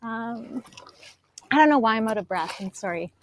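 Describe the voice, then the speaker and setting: A young adult woman co-hosting a casual live stream from a dock on a lake, chatty and quick to laugh. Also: on the high side, animated. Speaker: co-host presenting paddleboards. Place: outdoors on a floating dock on a lake.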